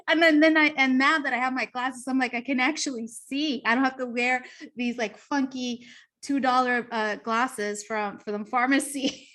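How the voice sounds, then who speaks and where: Woman podcast host, bubbly and effusive, slightly raised pitch. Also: a bit bright. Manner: bubbly, effusive, laughs often. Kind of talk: casual podcast chat.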